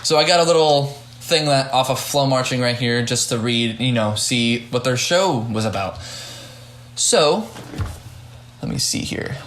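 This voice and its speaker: A man's voice: mid-range voice, fairly bright tone, reverberant, a little hiss or hum. A young man hosting a casual podcast, chatting loosely as a judge with frequent restarts and hedges. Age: young adult. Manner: halting, hedging, many restarts.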